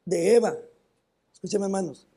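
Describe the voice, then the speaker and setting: A man with a high, mellow voice and a northern Mexican accent preaches in church, sharing personal testimony within his sermon. His phrases come with halting restarts, and he repeatedly addresses the congregation as "hermano."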